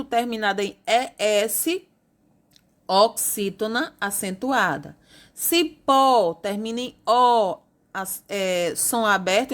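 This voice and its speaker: A woman teacher from Brazil, patiently going over homework answers and spelling out grammar rules slowly. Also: on the high side, fairly bright tone. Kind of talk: recorded classroom lesson correcting homework.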